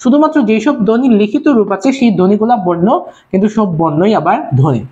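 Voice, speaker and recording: A young man from Bangladesh teaching an online class, repeating his points and firing quick questions at his viewers. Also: sits high, big pitch swings, dark tone. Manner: fast, repetitive, calls out questions to viewers. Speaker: online tutor. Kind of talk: live-streamed class lecture. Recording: dull lo-fi stream audio.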